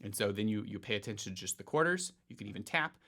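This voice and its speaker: Low-voiced man teaching piano. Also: quick pace. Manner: counts beats aloud in a sing-song voice while playing; relaxed and explanatory, with restarts. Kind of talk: piano lesson explanation. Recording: faint piano music underneath. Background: piano playing.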